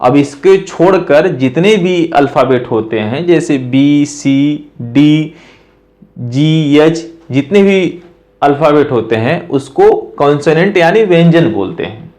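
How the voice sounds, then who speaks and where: Brief: male teacher, slightly high voice, slow, patient, repeats himself, checks understanding. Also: animated, darkish tone. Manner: patient, repeats points, asks "clear?". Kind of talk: grammar lesson explaining step by step.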